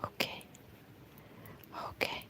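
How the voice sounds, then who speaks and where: Speaking slowly in a sharp tone, a knitting streamer with a Romanian accent chats casually with her viewers from a curtained room at home. She rambles, talks to herself, and keeps sinking into whispers.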